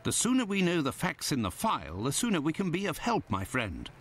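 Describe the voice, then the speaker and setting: Doctor Watson, an earnest companion. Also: male voice, a little high, huge pitch swings, a little fast.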